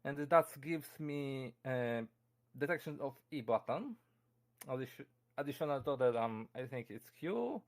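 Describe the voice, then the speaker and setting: Speaking at a slightly slow pace with lively intonation and a mid-range pitch, a young Polish-accented man gives a casual streamed talk as a convention presenter. He responds to chat questions, frequently chuckling, restarting and using fillers.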